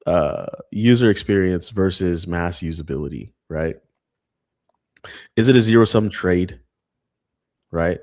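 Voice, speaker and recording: A man's voice: low-pitched, a little slow, pauses often, darkish tone. A man co-hosting a podcast in loose, casual chat, joking and swearing freely. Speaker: podcast co-host.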